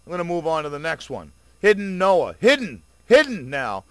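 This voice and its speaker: A man delivering an angry, profane ranting commentary, sarcastic toward his listeners, swinging between low muttering and loud outbursts. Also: sing-song, moderate pace, no room sound. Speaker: video blogger.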